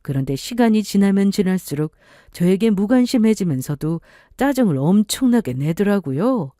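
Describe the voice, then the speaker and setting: A woman narrating a first-person story in a confiding, storytelling manner. Her voice is mellow and moves expressively up and down in pitch, recorded close and dry. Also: dry recording.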